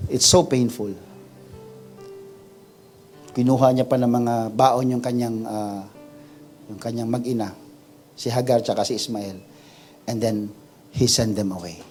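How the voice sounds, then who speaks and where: A man preaching an emotional sermon in a church, building from quiet reflection to loud, drawn-out cries. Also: medium pitch. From Philippines. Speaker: pastor. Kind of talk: impassioned sermon mixing Tagalog and English. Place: church service before a congregation.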